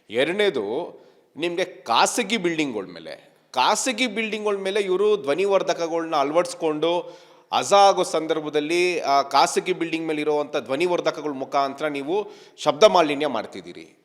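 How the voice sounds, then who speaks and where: An activist leader, a man with a voice on the high side, gives an emphatic statement to a news reporter, repeating phrases for stress. A long reverb tail trails his words.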